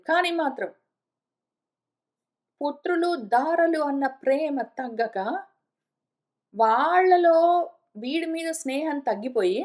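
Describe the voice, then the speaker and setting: High-voiced woman teaching scripture verses. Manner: chants Sanskrit verse lines slowly, then explains conversationally; mimics complaining old people in quick asides. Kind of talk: explaining verses in a recorded lesson.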